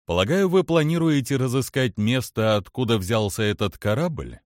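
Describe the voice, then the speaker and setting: A man reading the lines of a calm, analytical alien male commander in an audiobook, measured and precise. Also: medium pitch, dry recording, studio quality, lightly acted. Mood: calm, composed.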